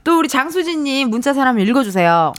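A woman's voice: high voice, sing-song, dry recording, clean studio sound. Bubbly female radio host. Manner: bubbly, teasing, fast reactions. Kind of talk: casual radio chat. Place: radio studio.

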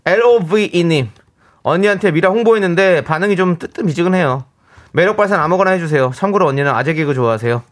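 Playful male radio co-host, lively pitch. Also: quick pace. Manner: playful, teasing, mock-shouting. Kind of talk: casual radio banter. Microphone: studio microphone.

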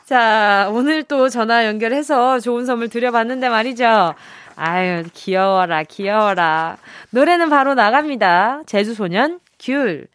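A woman's voice: a little high, unhurried, dry recording. A woman radio DJ in a phone-in chat, playful and coaxing, laughing often as she draws a caller out.

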